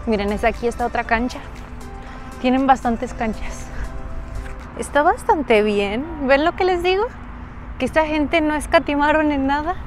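A travel vlogger and host from Mexico gives a casual, slangy walking tour, chatting informally with her viewers mostly outdoors as she walks around an accommodation village. Her voice is high, with a measured pace and long pauses, over soft background music.

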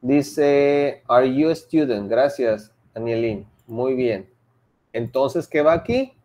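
A woman's voice: extremely low pitch, takes it slowly, mellow. A woman teaching an English class online, explaining patiently step by step and mixing English example sentences into her talk.

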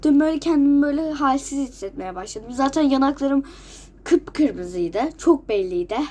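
Coughing and sniffling from a cold, a teenage girl who has just gotten out of bed at home vlogs casually to her friends. She has a warm, high-pitched, expressive voice at a moderate pace, and her chat to camera is repetitive.

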